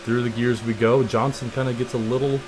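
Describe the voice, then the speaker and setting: A young man streaming a racing game live, calling the action in an excitable, announcer-like play-by-play. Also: medium pitch, brisk. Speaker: gaming streamer.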